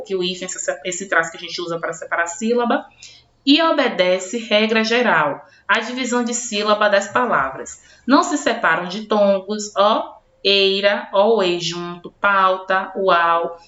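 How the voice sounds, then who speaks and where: A woman's voice: mid-range voice, a bit bright. Woman teacher, recorded lesson, patient classroom delivery, roomy echo. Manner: addresses imagined pupils by name, answering for them; slow, spelled-out classroom explanation. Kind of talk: recorded online grammar lesson. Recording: roomy, dull lo-fi home recording.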